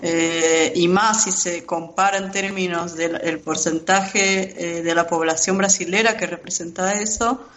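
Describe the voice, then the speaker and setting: A woman from Brazil whose first language is Portuguese, a guest researcher explaining her views in a measured way on a radio interview. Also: fairly low pitch, steady tone, a bit bright.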